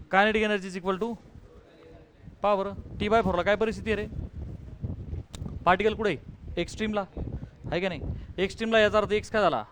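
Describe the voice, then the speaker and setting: A high-voiced man with a Marathi accent leads a physics class and drills his students with rapid questions. He keeps urging them to answer fast and calls them "beta." Faint traffic hums in the background. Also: a bit bright. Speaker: physics teacher.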